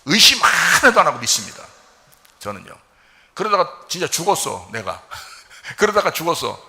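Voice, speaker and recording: A male pastor preaching a sermon with passion, swinging between loud, fervent peaks and low, quiet stretches. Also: sing-song, moderate pace. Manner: impassioned preaching, swings from shouting to near-whisper. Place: church sanctuary. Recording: echoey church hall.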